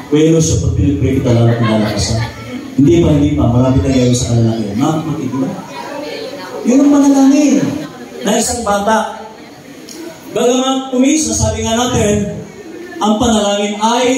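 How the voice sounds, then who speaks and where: Man, pastor, sermon with a joke story, asks the crowd questions, high-pitched, roomy distant church sound. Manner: keeps checking in with the congregation. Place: church sanctuary. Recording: echoey church, voice picked up from a distance.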